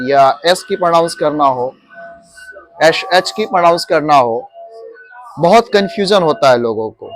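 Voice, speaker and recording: Man teaching a pronunciation class. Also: sits high. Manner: drills students, repeats words patiently, mixes English into Hindi.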